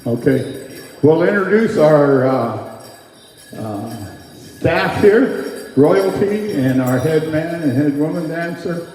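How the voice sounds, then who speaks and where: Man, folksy event announcer, unhurried halting delivery, higher-pitched voice, booming distant hall sound. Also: lively intonation, darkish tone. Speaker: powwow master of ceremonies. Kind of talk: casual live event announcing. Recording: very echoey hall PA, music behind, distant.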